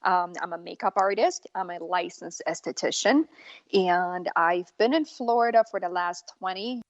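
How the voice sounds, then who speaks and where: A woman in her forties, born in Bosnia and raised in Germany, speaking as an as a makeup artist guest on an interview podcast, unhurried and earnest. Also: lowish voice, no echo, highs cut off. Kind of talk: casual interview talk.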